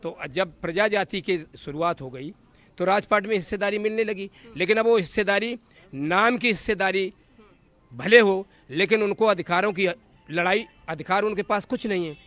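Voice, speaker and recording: A man's voice: high voice, moderate pace, a bit bright. A man, a legislator, answering a reporter in a speech-like, rhetorical way. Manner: rhetorical, listing slogans. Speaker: politician, legislator.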